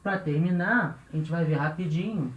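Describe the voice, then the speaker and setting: In a roomy, dull lo-fi recording, a Brazilian man teaches a language lesson in classroom style. His voice is on the high side and moderately paced, and he patiently repeats every example word, checking in with the listener after almost each phrase.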